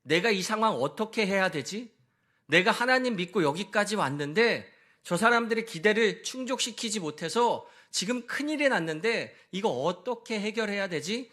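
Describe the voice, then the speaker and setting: A man doing Moses, desperate leader, anguished, high raised pleading voice. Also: lively intonation, normal speed, pushed and bright, heavily acted.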